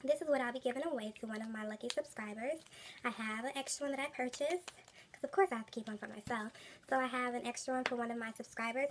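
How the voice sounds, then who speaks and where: Stuffy-nosed woman vlogger, higher-pitched voice. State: a little under the weather with a stuffy nose. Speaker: beauty vlogger. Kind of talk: casual chat to camera. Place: small room at home, indoors. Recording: noticeable background noise, home recording.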